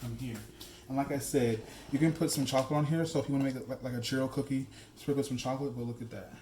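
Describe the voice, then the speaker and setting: A young man chatting away in his home kitchen, excitable and loose, filling every pause with "like". His voice sits at an ordinary middle pitch. The room bounces his voice back, with a faint hum of noise behind him. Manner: chatty and excitable, heavy use of "like". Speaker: food blogger host. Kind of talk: casual cooking vlog. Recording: echoey room.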